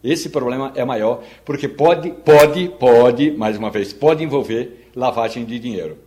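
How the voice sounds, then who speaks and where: Man, radio correspondent, studio, wry explanatory commentary, mid pitch. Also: measured pace, darkish tone. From Pernambuco, Brazil. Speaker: political correspondent.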